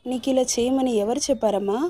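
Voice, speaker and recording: A woman's voice: on the high side, steady tone, a little fast, warm tone, dry recording, close to an everyday voice. A woman voicing a feverish young mother in a read-aloud story, speaking in a weak, pleading way. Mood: weary. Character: sick, tearful young mother.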